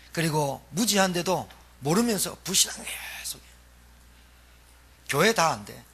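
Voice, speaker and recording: A middle-aged man preaching with a husky, breathy edge and a bright, forceful tone. He swings his voice up and down a lot, pressing his points hard and throwing questions out to the congregation. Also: fairly high pitch. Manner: emphatic preaching with call-and-response questions to the congregation. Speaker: pastor. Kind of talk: sermon.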